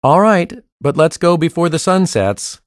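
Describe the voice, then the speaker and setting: A man voicing the male parts of a school listening test with clear, evenly paced delivery. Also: a little high, expressive, measured pace. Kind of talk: scripted test dialogue reading. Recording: dry studio recording.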